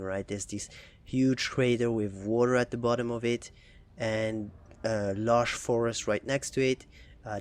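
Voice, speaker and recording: A young man of medium pitch hosts a gaming channel, offering casual commentary on his own gameplay. He comes across as easygoing and hesitant, with plenty of fillers and restarts.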